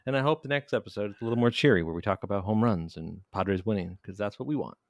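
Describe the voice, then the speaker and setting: A man's voice: fairly low pitch, fast, no room sound, studio quality. A man co-hosting a casual podcast, incredulous and laughing, repeating phrases in disbelief. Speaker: podcast co-host. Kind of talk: casual chat.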